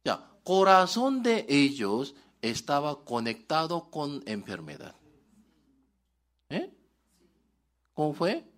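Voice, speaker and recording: A man's voice: a little high, huge pitch swings, takes it slowly, pauses often, a bit bright. A male pastor preaching a sermon in broken, article-dropping Spanish, asking the congregation questions and answering them himself.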